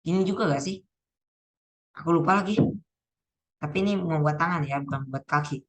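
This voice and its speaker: A teenage girl with a low-sitting voice talks fairly quickly through her exam answers in a casual way, thinking out loud and frequently correcting herself. The recording is rough.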